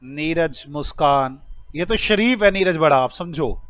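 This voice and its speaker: A male accounting teacher telling a lively classroom story, acting out the characters' lines in a raised voice. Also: on the high side, unhurried, dry recording.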